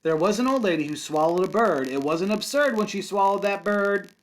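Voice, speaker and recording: Here a man reads a picture book to young children like a kindergarten teacher, expressive and brisk, with a fairly high voice that moves through a wide pitch range. He sing-songs the rhymes and slips in casual, encouraging remarks.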